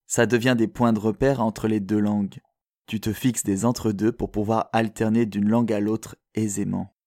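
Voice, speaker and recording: A man from France with a French accent, hosting a podcast in a calm, reflective, measured way, as scripted narration. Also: fairly low pitch, dry recording, studio quality. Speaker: podcast host.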